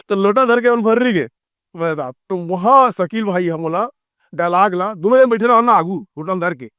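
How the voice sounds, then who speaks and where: A man's voice: high voice, clear, resonant tone, dry recording, clean studio sound. A middle-aged man with a Chhattisgarhi accent telling stories in a casual interview, rambling and acting out the lines he quotes. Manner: rambling, animated, acts out quoted dialogue. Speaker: filmmaker and theatre actor.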